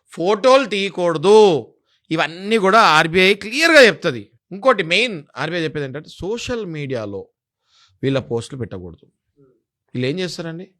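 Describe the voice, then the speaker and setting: A man's voice: on the high side, bright, forceful tone. A man being interviewed, explaining legal rights in an emphatic, lecturing way and listing legal sections.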